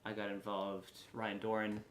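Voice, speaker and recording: West of Ireland man, low echoey voice. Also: monotone, moderate pace, a bit bright. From Galway, west of Ireland. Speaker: lacrosse player being interviewed. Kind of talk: casual interview answers. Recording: echoey room with faint background noise.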